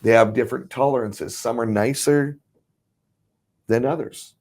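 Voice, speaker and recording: A man's voice: medium pitch, measured pace, darkish tone. A man teaching about ministry in casual chat, rambling with restarts and frequent chuckles.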